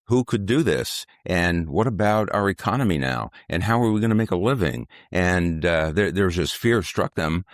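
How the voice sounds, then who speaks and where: Deep-voiced man making dry scriptural puns. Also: lively intonation, no room sound. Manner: measured, deliberate, with dry puns. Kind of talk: conversational Bible teaching. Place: outdoors at ancient hilltop ruins.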